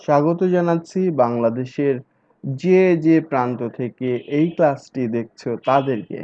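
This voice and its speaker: A man teaching an online class, stretching words out slowly when he models pronunciation. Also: mid-range voice, warm tone, a little hiss or hum. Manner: slow drawn-out syllables when modeling pronunciation. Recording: dull lo-fi recording.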